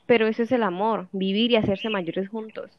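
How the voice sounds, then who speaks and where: A woman's voice: mid-range voice, fairly even intonation, moderate pace, dull audio, natural voice. A woman voicing a jealous, bitter wife of fifty who keeps accusing and questioning her husband. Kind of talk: audiobook dialogue reading.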